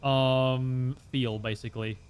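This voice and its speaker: A man's voice: mid-range voice, flat delivery, slow pace, clear, resonant tone. A young man streaming a flight game, chatting casually and explaining tactics with lots of fillers. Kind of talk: casual gameplay commentary.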